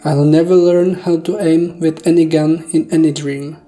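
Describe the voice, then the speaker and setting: A woman's voice: low-pitched, steady tone, normal speed. A woman, a native Czech speaker, casually recounting a dream in a puzzled, self-deprecating, jokey way with rhetorical asides. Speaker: video storyteller. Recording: faint background music. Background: soft music.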